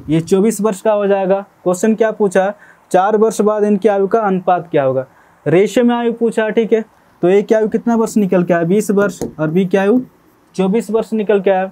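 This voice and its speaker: His voice sits high yet carries a dark tone as this young man teaches maths one step at a time. Explaining as he goes, he repeatedly asks "okay?" and "theek hai" to see whether students are following.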